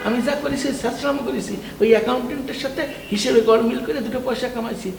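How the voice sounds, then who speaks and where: A sly scheming brother-in-law. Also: male voice, very high voice, vocal fry. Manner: wheedling, fast-talking, animated. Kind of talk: TV drama acting. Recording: echoey room, faint noise.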